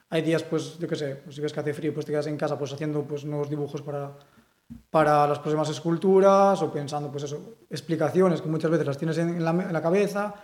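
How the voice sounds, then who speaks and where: A man's voice: a little high, roomy sound. A young Galician man with a Galician Spanish accent, giving a casual interview and rambling with lots of fillers. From Galicia, Spain. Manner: relaxed, rambling, many fillers. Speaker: interviewee, sculptor.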